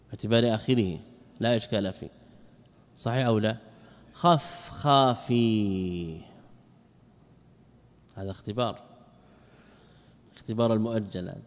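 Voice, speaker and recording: A male scholar teaching grammar to a class. He keeps asking short questions and answers them himself, and he slowly stretches out the word forms he drills. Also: fairly low pitch, long reverb tail. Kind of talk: classroom lecture explaining a grammar poem.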